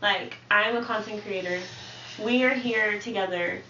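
A young woman in casual chat as a content creator, soft-spoken, hedging and full of fillers, heard in an echoey room from a distant mic. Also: mid-range voice, a little slow, muffled recording, a little hiss or hum. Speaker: content creator on a live reality stream. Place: indoor room in a reality house.

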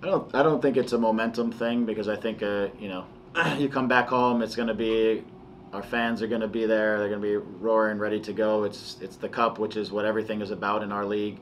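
Halting, low-voiced coach, flat delivery. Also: male voice, slight background noise. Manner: measured, halting, many restarts and fillers. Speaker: soccer head coach. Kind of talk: post-match press conference. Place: press room before a sponsor backdrop.

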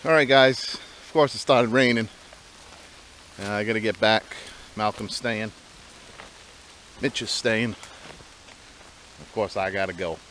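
A man's voice: lowish voice, unhurried, long pauses, fairly bright tone, rough recording. A man in his forties vlogging casually from a forest campsite, easygoing and chatty with fillers, on a close-held action camera. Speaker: outdoor vlogger. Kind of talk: casual outdoor vlog talk. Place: forest campsite outdoors in rain. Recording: rain noise in background.

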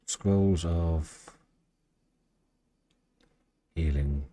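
A man doing a video game playthrough, reading text aloud and commenting in an unhurried, low-key way. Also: dark tone, a little hiss or hum. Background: game music.

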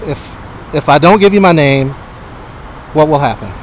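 A man's voice: a little high, lively intonation, normal speed, slight background noise, rough recording. A man working as a journalist, standing on a public sidewalk and insistently asking police whether he is free to go. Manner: insistent, repeatedly asks if free to go. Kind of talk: street confrontation with police.

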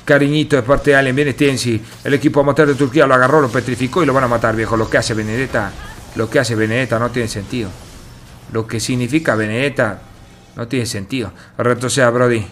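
Esports caster, male, Latin American Spanish accent. Forceful fighting-game-announcer delivery, salty slang, names fired off in repeated bursts. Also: medium pitch, fairly even intonation, quick pace, slight background noise. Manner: foul-mouthed, slangy, exasperated ribbing of players. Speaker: esports commentator. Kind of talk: excited play-by-play game commentary, like a fighting game announcer.

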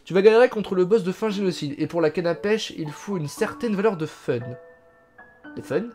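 A man's voice: high voice, normal speed, a little mellow, soft background music. A man streaming a video game, joking casually with his chat and reading it aloud. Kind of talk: casual gameplay commentary.

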